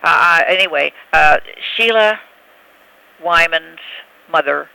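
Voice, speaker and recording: Elderly female interviewee on the phone, bright but gravelly low-set voice, halting reminiscences. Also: no room sound, poor audio. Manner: halting, reminiscing, searching for words. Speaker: oral history interviewee. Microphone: telephone. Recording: telephone interview recording.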